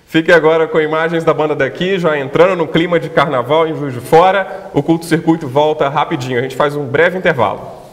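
Male TV host, fairly high voice. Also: a little fast, big-room sound. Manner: smooth, scripted presenter delivery. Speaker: TV show host. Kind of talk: hosting a TV interview. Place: TV studio. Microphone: lapel mic.

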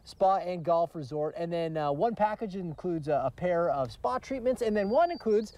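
Male field reporter, high voice, very lively, chatty, outdoors. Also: moderate pace. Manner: upbeat and chatty, laughs often. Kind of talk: live morning news feature. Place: outdoors on a golf course by the ocean.

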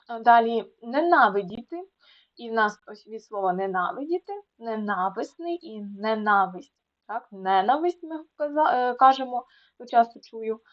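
A woman tutor explains a lesson, her voice a little higher than most. She repeats words deliberately to contrast their stresses, with small fillers between them. The recording sounds dull and lo-fi. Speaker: Ukrainian language tutor.

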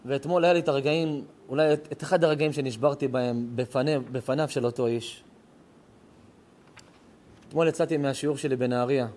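A man's voice: mid-range voice, fairly even intonation, a little mellow. A middle-aged man, a rabbi, telling a heartfelt story in a moral sermon, his voice rising and cracking with emotion. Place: synagogue or home lecture hall.

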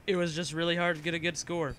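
A young man giving a casual, rambling voice-over commentary on his own gameplay, joking and filling pauses with "uh" and "yeah" while fighting a cough. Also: fairly high pitch, flat delivery, a bit bright, slight background noise. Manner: rambling, joking, filler-heavy. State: coughing from a cold.

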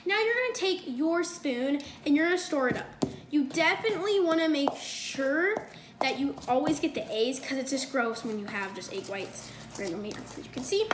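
A high, animated woman's voice at a moderate pace belongs to a young home cook filming a casual video, bubbly and talkative, often using fillers and correcting herself. The audio comes from a phone camera across the counter in a noisy kitchen with echo.

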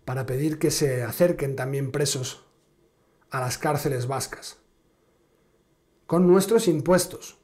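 A man's voice: medium pitch, slow pace, long pauses, a little mellow. A man from giving a political commentary monologue, sarcastic and emphatic, drawing out words for dramatic effect.

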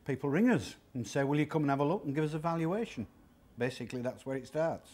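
Talking fast in a somewhat high, darkish voice, a fiftysomething man who owns a large indoor secondhand furniture warehouse is interviewed there. He's chatty and down-to-earth, demonstrating old items and breaking down their prices one step at a time.

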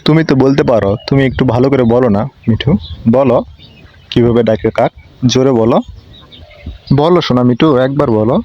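A man patiently coaxing his pet parrot to mimic a crow, in a gentle, coaxing way. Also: mid-range voice, a little fast, long pauses, lo-fi sound, slight background noise. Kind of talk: coaxing talk to a pet bird.

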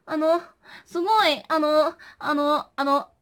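A young woman chatting casually with viewers as a livestream host, playful and animated, often exclaiming as she reacts. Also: high-pitched, takes it slowly. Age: young adult. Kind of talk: casual chat with viewers during a makeup stream. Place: small indoor room.

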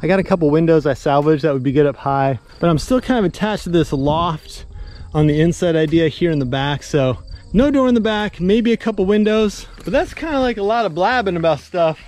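A man's voice: on the high side, expressive, fairly quick, darkish tone. Laid-back man rambling at a build site. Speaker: builder vlogger. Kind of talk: casual chat to camera while building. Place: outdoors at a barn construction site. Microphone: action camera, sometimes head-mounted.

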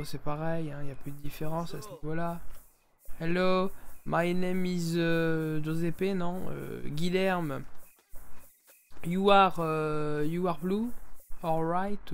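A man's voice: on the high side, fairly even intonation, takes it slowly. A young man giving casual, jokey commentary while playing a life-simulation game, often addressing viewers directly as his friends. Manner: jokey, talks to viewers as "les amis". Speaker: gaming YouTuber. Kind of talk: casual let's-play commentary.

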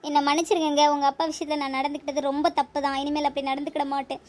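A woman's voice: high voice, level tone, racing, darkish tone, close to an everyday voice. Woman voicing a pleading cartoon young wife. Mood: apologetic. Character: young wife, anxious, devoted daughter. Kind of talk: cartoon voice acting.

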